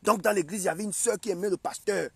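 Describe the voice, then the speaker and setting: A young man preaching an animated sermon as a prophet, emphatic and repetitive. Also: high-pitched, fast talker, creaky, breathy edge, no echo. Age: young adult. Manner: emphatic and repetitive, acts out scenes.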